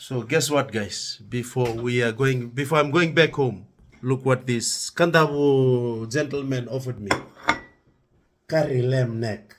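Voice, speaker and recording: Slow-talking Fijian-accented man vlogging. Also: medium pitch. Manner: halting, pausing often mid-sentence. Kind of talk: casual vlog chat with shout-outs. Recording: clear background noise.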